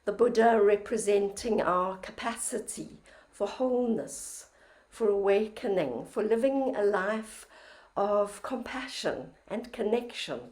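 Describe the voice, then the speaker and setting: An older woman meditation teacher speaks slowly, in a gentle and heartfelt way. Her mid-pitched voice is a little croaky from flu as she gives a measured, reflective talk. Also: expressive.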